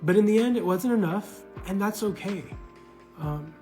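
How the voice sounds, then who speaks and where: A man's voice: sits high, normal speed, over music. A man talking earnestly about his failed marriage, with a lot of "you know" and repeated words. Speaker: man recounting his divorce. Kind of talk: casual reflective monologue.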